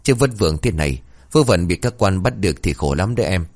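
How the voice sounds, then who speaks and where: A man's voice: sits low, expressive, fast, darkish tone. A man playing a brash, crude young ghost hunter who bosses and mocks. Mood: coaxing. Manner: bossy, mocking, crude.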